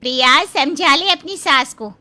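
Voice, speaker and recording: A woman voicing a sharp-tongued middle-aged neighbor who trades sarcastic retorts in a cartoon. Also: high-pitched, unhurried, heavily acted.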